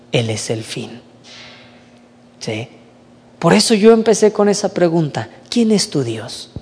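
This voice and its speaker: A man's voice: high voice, in a large hall. A man preaching a sermon, earnest and often checking in with his listeners. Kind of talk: sermon with retold story.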